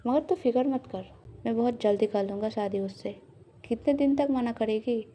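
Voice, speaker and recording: A woman's voice: on the high side, moderate pace, mellow, slight background noise, close to an everyday voice. A woman voicing a drunk, boastful young man who blusters and threatens in an audio love story. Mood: blustering.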